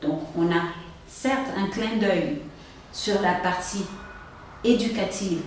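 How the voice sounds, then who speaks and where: A woman from Cameroon gives measured, explanatory interview answers about organizing events. She is recorded from a distance in a very echoey room. A faint hiss sits behind her voice. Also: on the low side. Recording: echoey room, far from mic, faint noise.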